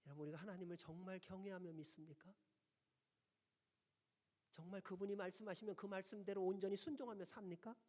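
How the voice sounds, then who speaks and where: High-voiced pastor preaching in a reverberant sanctuary. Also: male voice, fairly even intonation, brisk, long pauses, a little mellow. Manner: earnest, pleading preacher who asks the congregation direct questions. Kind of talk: sermon. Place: church sanctuary. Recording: long reverb of a church sanctuary.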